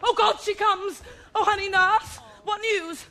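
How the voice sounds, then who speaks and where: A woman's voice: very high voice, fairly even intonation, unhurried, pushed and bright, heavily acted. A woman playing an impatient, lovesick young girl in a Shakespeare play, pleading for news. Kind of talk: Shakespeare stage acting.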